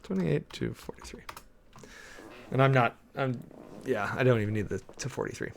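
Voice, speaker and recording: Male preacher, creaky gravelly voice, casual rambling sermon-prep talk with fillers. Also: mid-range voice, a little hiss or hum. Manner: rambling, thinking aloud with many fillers and restarts; reads and parses Greek text slowly.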